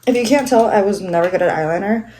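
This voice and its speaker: A woman's voice: mid-range voice, fast talker, mellow, rough recording. Stuffy-nosed young woman chatting thru her makeup at home, rambly, swears a lot, bit of faint hiss. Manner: self-deprecating, rambling, swears casually. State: congested, sniffling. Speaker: vlogger. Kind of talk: casual get-ready-with-me chat.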